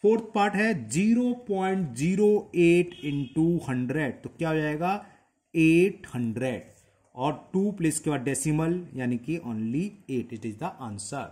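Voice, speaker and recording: A man's voice: on the high side, lively intonation, slow, darkish tone. A man working through textbook maths exercises aloud as a teacher, counting decimal places and checking in with his students.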